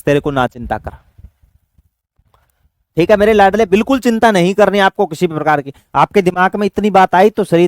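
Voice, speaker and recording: This exam-prep lesson comes from a fatherly man with a high voice and no audible room sound. He quizzes the class, then answers himself, slowly chanting memory aids.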